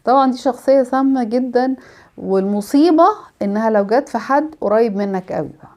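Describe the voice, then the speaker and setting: Fast-talking Egyptian woman giving advice. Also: fairly high pitch. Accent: Egyptian Arabic. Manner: explanatory, animated, acts out examples. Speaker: host giving life advice. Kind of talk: advice talk.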